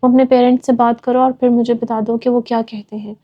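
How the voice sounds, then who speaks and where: A woman's voice: a little high, level tone, natural voice. A woman voicing a firm, insistent young woman in a dull lo-fi recording. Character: defiant young woman, a medical student.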